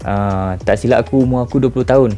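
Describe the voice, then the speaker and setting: A man in his mid-twenties speaks with a Malaysian Malay accent in a relaxed, informal monologue. He puts rhetorical questions straight to his viewers. His voice is dark and mellow, at a middle pitch, with soft music playing faintly underneath. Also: fast. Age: 20s. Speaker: vlogger. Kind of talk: casual reflective monologue to camera.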